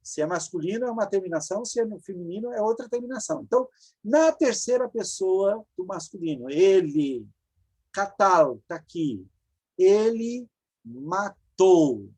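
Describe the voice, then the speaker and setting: A woman's voice: mid-range voice, lively intonation, brisk, mellow, breathy edge. A Brazilian woman teaching a Hebrew grammar class over a video call, explaining patiently and repeating forms for her students. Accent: Brazilian Portuguese. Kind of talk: online grammar lecture.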